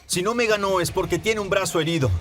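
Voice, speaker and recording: A man's voice: high voice, fast, a bit bright, faint music behind, pitched above the performer's own voice. A man voicing a protective young male warrior hero, thinking aloud earnestly. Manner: earnest inner thoughts.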